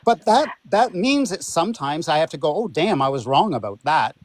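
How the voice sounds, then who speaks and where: Higher-pitched man in dry, casual conversation. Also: sing-song, moderate pace, no echo. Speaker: guest.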